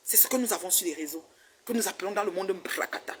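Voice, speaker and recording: A woman in her fifties, an online commentator, rants casually and scolds, animated and often repeating herself. Her mid-range voice moves at a quick pace over a noisy background.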